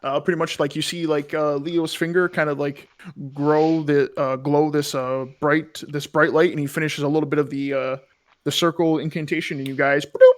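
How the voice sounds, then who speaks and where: A man narrating a tabletop game as game master, casually and haltingly, searching for words. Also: a little high, level tone.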